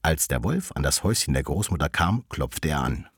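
A man reading a fairy tale aloud in an expressive storyteller manner. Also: a bass voice, normal speed, slightly rough, no room sound, studio quality.

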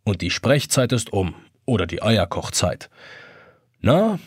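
Brief: man doing a sorrowful talking hourglass for a storybook, hollow, deep and slow, a little husky. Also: sing-song, dry recording, studio quality, full character voice. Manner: reproachful, slow and gentle. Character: hollow-voiced sad old male hourglass.

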